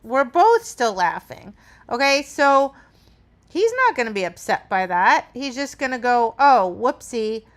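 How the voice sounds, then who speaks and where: A woman's voice: sits high, very animated, unhurried, fairly bright tone. A woman dog trainer talking through a training demonstration, explaining each step and checking in with "right?". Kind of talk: instructional demonstration.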